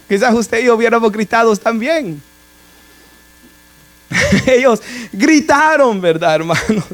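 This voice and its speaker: A man preaching a conversational sermon in a church, often turning to address the congregation as brothers and adding asides. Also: very high voice.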